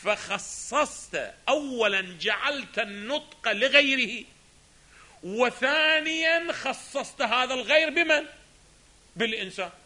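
A religious scholar lectures on a philosophy text in a very high, sharp voice. He frequently raises rhetorical questions and answers them himself.

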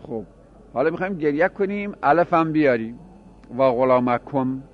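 A man's voice: a little high, animated. Man teaching a grammar lesson, lo-fi. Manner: explains by repeating examples and asking questions.

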